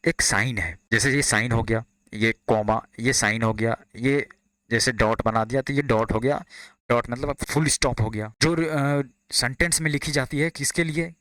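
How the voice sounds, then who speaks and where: A man giving a lecture, explaining in Hindi and reading out English definitions slowly. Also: medium pitch, a bit bright, dry recording. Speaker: teacher. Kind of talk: classroom lecture.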